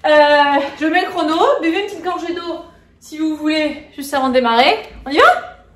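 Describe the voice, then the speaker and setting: A woman's voice: high-pitched, moderate pace. A woman fitness coach leading a live workout, counting reps and checking in on her class while she moves. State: moving while exercising. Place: indoor room with a window. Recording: echoey room, mic at a distance.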